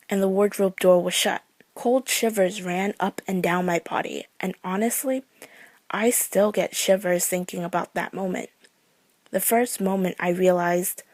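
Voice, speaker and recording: A woman's voice: mid-range voice, a little mellow, dry recording. Woman narrating a scary story, dry sound.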